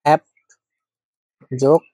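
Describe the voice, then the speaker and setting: Speaking slowly and warmly, a man teaches chemistry in a relaxed lecture style, frequently checking on his students. He asks himself questions and answers them, musing aloud while he writes. The sound is clean, studio-grade, with no echo.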